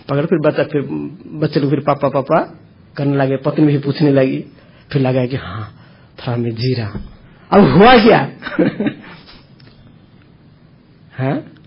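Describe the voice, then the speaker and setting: A man giving an informal spiritual discourse, explaining slowly with everyday examples and answering his listeners. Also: on the high side, husky, muffled recording. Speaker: spiritual teacher.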